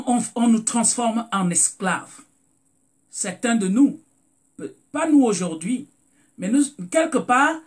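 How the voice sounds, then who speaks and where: A live stream host from Cameroon, speaking with a Cameroonian French accent, leads a casual live talk in a mid-range voice with a breathy edge. He repeats words while searching for them and greets viewers by name.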